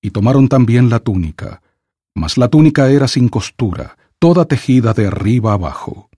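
A man reading scripture aloud for an audiobook in a measured, solemn way. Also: medium pitch, big pitch swings, dark tone, breathy edge, no room sound, studio quality. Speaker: scripture reader.

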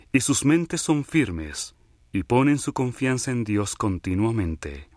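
A man giving a slow, measured and reverent scripture reading. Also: on the low side, no room sound, clean studio sound. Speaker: scripture reader.

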